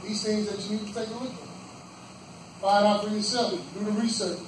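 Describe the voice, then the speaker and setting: A man giving a campaign speech for a judicial seat in a roadhouse event room, earnest and plain-spoken, in short phrases with pauses. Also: high-pitched, steady tone. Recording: echoey room from far off, faint background noise.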